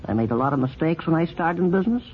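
An actor playing a pompous, fussy older male country doctor who lectures in a drawn-out way, in old radio comedy. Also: fairly high pitch, animated, natural voice. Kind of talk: 1930s radio comedy acting. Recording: dull old radio recording with faint hiss.

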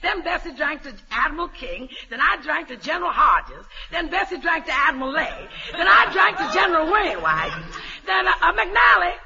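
Very high, gravelly, lively scatterbrained caretaker, old radio comedy. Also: male voice, normal speed, a crowd in the background, heavily acted. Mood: rambling. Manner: rambling, wisecracking storyteller. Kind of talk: 1940s radio comedy acting. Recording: muffled old radio recording.

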